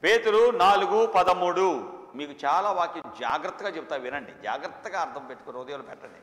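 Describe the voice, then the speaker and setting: A middle-aged man preaching a sermon as pastor, shifting from quiet storytelling to loud, slow proclaiming. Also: a little high. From India. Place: church hall. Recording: echoey church hall with long reverb.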